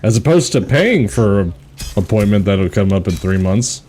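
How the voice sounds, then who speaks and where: A man's voice: on the low side, animated, moderate pace, warm tone, a little hiss or hum. A man chatting casually with a co-host while streaming a game, joking and laughing often. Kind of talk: casual gaming stream chat.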